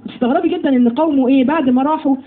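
A woman with an Egyptian accent giving a lively religious lesson to women, often putting questions to her listeners. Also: high voice, racing. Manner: lively, asks the audience questions. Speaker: religious teacher. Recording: tinny phone-like audio with faint noise.

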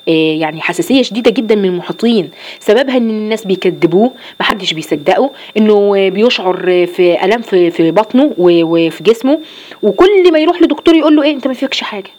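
A woman's voice: mid-range voice, a little mellow. A woman with an Egyptian accent giving an earnest religious lesson to women, often asking rhetorical questions. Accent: Egyptian Arabic. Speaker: religious teacher.

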